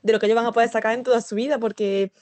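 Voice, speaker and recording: Female researcher, higher voice, very even intonation, rapid speech, interview guest. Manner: reports others' views in a level, rapid flow. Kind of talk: conversational interview.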